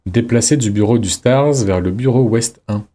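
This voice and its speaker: Male streamer, low mellow voice, chatty running commentary, reads notes aloud. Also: moderate pace. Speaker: streamer playing a horror game. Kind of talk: casual let's-play commentary.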